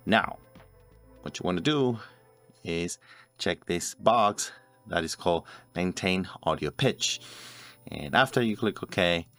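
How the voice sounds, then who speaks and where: A man in his forties narrates a video editing tutorial as host, guiding step by step from a computer in an indoor room. His deep voice has a fairly bright tone and is animated, with a slow pace and long pauses. Music plays in the background.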